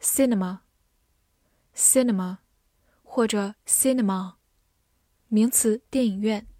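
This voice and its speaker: A woman teacher reviewing vocabulary, saying each word twice in a clear, careful way before giving its meaning. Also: fairly high pitch, dark tone, dry recording, clean studio sound.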